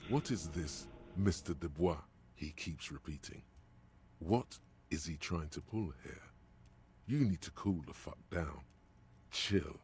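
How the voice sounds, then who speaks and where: A very deep mocking inner voice. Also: male voice, expressive, slow pace, a little mellow, slight background noise, heavily acted. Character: deep gravelly male narrator and inner voice. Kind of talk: game narration. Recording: game audio with music behind.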